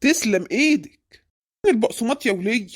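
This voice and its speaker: A woman's voice: fairly high pitch, animated, fast talker, slight background noise, natural voice. A woman voicing a grumpy, preachy father in an Egyptian cartoon, with an Egyptian Arabic accent. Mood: grumbling. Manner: grumbling, preachy.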